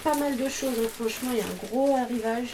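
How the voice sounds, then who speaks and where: Talking fast in a voice on the high side, a woman vlogger presents her craft haul from home. She's chatty yet hesitant, often letting sentences trail away, and there's background noise in the recording.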